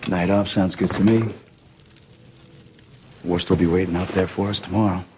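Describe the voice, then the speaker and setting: An actor playing an easygoing American soldier in a film drama, with a folksy, teasing, card-dealer drawl. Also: male voice, deep voice, flat delivery, normal speed, darkish tone, a little hiss or hum, natural voice.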